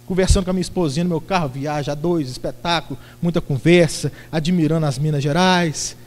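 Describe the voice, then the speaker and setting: High-voiced pastor in a reverberant church. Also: male voice, a little fast. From Brazil. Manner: lively, theatrical storytelling with acted-out voices and shouts. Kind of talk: sermon. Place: church sanctuary.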